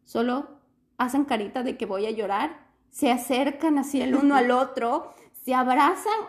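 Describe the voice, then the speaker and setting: A young woman from Quito with an Ecuadorian Spanish accent, telling a story in casual chat with animated bursts of laughter. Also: high-pitched, normal speed. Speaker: guest telling her story.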